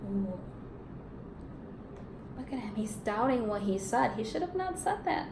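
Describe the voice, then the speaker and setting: A female teacher reads a storybook expressively to young pupils, asking them questions and confirming their answers. She has a fairly high, sing-song voice with some vocal fry and a measured pace. In the recording you can hear a roomy echo and faint background noise.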